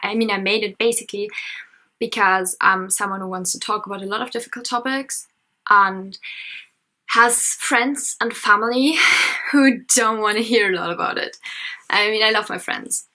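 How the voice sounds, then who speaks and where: A history and sociology student of nineteen, speaking with a German accent, gives off-the-cuff vlog commentary from her parents' house at night. Her mid-range voice is bright and forceful at a moderate pace, and she's chatty, self-conscious and heavy on fillers.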